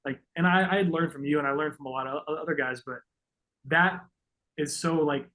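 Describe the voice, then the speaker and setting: A man speaks as a guest on a casual podcast. He is emotional, and his voice sits a little high. He tells his stories in a sincere, reflective way. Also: fairly even intonation, fairly quick, pushed and bright, poor audio.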